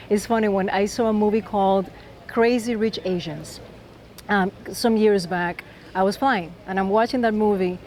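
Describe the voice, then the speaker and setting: A woman's voice: mid-range voice, darkish tone, slight background noise. A woman from Puerto Rico with a Puerto Rican accent, a film director talking enthusiastically in a press interview and often restarting her sentences.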